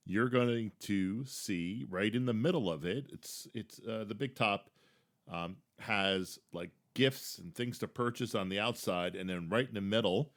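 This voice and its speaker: A man with a somewhat low voice hosts a podcast in a loose, casual way. He talks with easy enthusiasm and often restarts his sentences mid-thought. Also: a bit bright. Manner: chatty, enthusiastic, repeats words when restarting. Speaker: podcast host. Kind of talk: casual theme-park tips talk.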